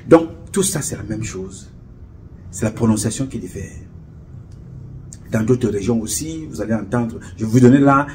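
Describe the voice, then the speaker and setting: A man from Cameroon, speaking straight to camera to his supporters in a solemn, measured, rhetorical way, repeating and listing words for weight. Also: medium pitch, a little mellow. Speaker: association spokesman addressing followers. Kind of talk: direct-to-camera address. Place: indoor studio with camera crew.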